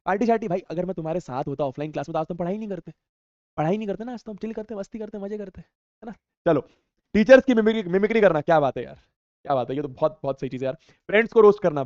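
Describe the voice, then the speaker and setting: This young man's voice is fairly high-pitched with a darkish tone, recorded dry and dull with no echo. During his online class he chats casually, going through viewer comments live and teasing in a playful, slangy way.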